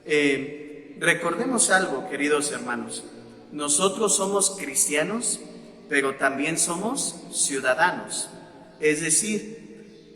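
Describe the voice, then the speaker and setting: A man with a Mexican Spanish accent, a parish priest giving a sermon-style talk to his congregation, pausing often on fillers and repeating words. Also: fairly high pitch, pushed and bright, reverberant, long reverb tail. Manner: slow and deliberate, with frequent fillers and repeated words.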